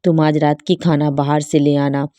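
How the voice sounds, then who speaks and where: A woman voicing a sulky, lazy elder daughter-in-law, read in a flat, even storybook manner. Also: low-pitched, normal speed, dry recording, natural voice.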